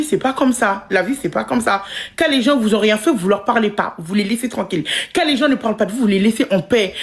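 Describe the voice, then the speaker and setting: A woman livestreamer in a heated, repetitive, confrontational rant, full of slang, talking straight at her viewers. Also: high voice. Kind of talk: angry live-stream rant.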